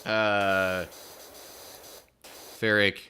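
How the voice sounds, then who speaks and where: Young guy streamer, bright and tense tone, loose rambling storyteller who reads chat aloud. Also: on the low side, flat delivery, drawn-out words, slight background noise. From Pennsylvania. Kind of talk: casual live-stream chat.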